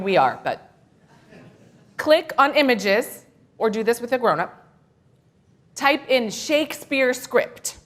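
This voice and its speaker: A woman minister leads a children's segment in a worship service. Her voice sits high and light, and she sounds playful and animated. She draws the kids in with questions and gentle encouragement. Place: church sanctuary.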